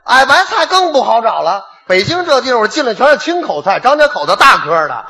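High, bright Beijing-accented comic man. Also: big pitch swings. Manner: quick incredulous retorts, often laughing. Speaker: straight man in a comic duo. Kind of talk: crosstalk comedy dialogue.

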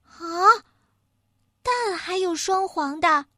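Crooked Comb, a shrill boastful young hen. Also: female voice, big pitch swings, unhurried, sharp tone, no room sound, studio quality, exaggerated voice. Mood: eager.

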